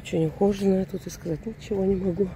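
This walking vlog features a Russian-speaking woman in her forties, based in Germany, talking casually as she wanders a seaside resort in the early morning. Her cold leaves her hoarse, yet her medium-pitched voice is warm; she talks fast with fairly even intonation, chatty and rambling, often correcting herself, over a little hiss or hum.

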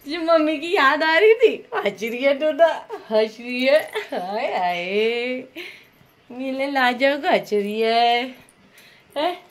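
A woman's voice: high-pitched, animated, unhurried. A young woman, a mother, playfully coaxing and teasing her toddler at home in baby talk, laughing often. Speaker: mother and family vlogger.

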